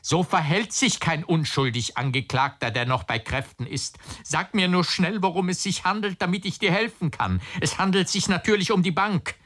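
A man's voice: high voice, moderate pace, hardly any pauses, a bit bright, voice pushed up. A man reading an audiobook, voicing an agitated middle-aged uncle who raises his voice in alarm and pleads anxiously. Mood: pleading.

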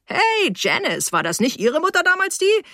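A woman's voice: very high-pitched, wildly swooping pitch, moderate pace, pushed and bright, no echo, studio quality, pitched above the performer's own voice, heavily acted. A woman voicing a boozy, jovial middle-aged man who leers and drawls in a storybook reading.

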